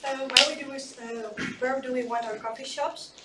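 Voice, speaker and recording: A woman's voice: high voice, steady tone, moderate pace. A twenty-one-year-old woman presenting a student project, hesitant with fillers. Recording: echoey room, distant mic, noise.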